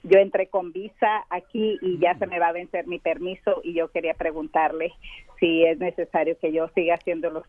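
A woman's voice: lowish voice, level tone, moderate pace, no echo. A woman calling in to a radio show, hesitant and searching for her words as she asks her question. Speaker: caller. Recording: tinny phone line.

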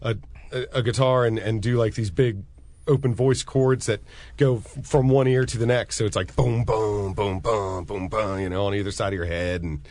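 A man, a guitarist in a band, chatting casually in an interview, relaxed and rambling with many restarts. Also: mid-range voice, fairly quick. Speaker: musician guest.

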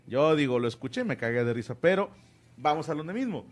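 A man's voice: on the high side, big pitch swings, fairly quick. A man with a Mexican accent hosting a casual podcast, retelling a crude radio prank call with lots of swearing. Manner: laughing, swears a lot, acts out quoted voices. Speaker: podcast host. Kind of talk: casual crude storytelling chat.

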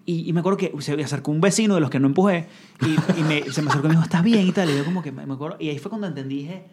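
A man with a Venezuelan accent, a singer guest on a podcast, telling a story in animated casual chat full of swearing. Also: fairly high pitch, racing, noisy background.

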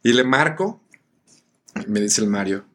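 A man with a Mexican accent, a guest musician telling a story in a casual, animated way, acting out the voices of the people in it and using plenty of fillers. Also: on the low side, unhurried. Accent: Mexican Spanish. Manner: animated, acts out voices in his stories, many fillers.

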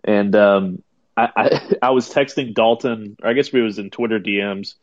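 A lower-pitched man co-hosting a sports chat, talking eagerly and laughing often as he goes. His voice comes through a dull, lo-fi remote line. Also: normal speed. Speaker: podcast co-host. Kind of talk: casual sports talk.

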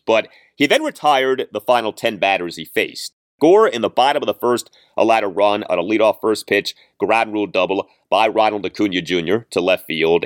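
A man with a lowish voice hosts a sports podcast. He delivers his recap with emphatic, deliberate phrasing and very lively intonation. The sound is close and dry. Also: dry recording.

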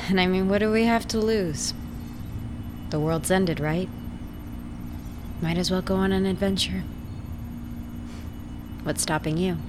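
A woman's voice: on the low side, fairly even intonation, slow pace, pauses often, background noise. A woman playing a blunt, resigned, fatalistic young woman in an audio drama. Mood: resolved.

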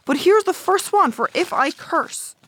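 A woman streamer guesting on a podcast, chatting casually with teasing, quick banter. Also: extremely high pitch, animated, a bit bright.

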